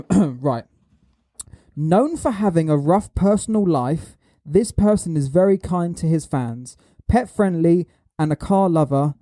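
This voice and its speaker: A man's voice: on the high side, expressive, slow, warm tone, no room sound, studio quality. A man hosting a casual podcast, reading out quiz clues and teasing his co-hosts.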